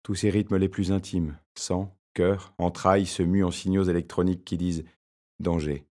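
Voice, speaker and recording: This is a wry, ironic academic husband in an audiobook, read by a man. His voice is very deep and stays flat and even. He narrates in a measured, dry way. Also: lightly acted.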